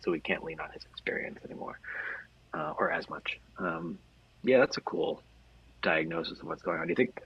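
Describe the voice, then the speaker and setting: A man co-hosting a casual sports podcast, speaking in a thoughtful, hedging, soft-spoken way. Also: low voice, slightly rough. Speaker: podcast co-host. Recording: dull lo-fi mic.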